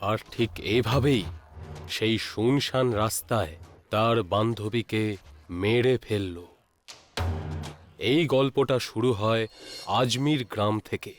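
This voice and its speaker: A man with a mid-range voice narrates a scripted horror story, using a measured and dramatic storytelling style.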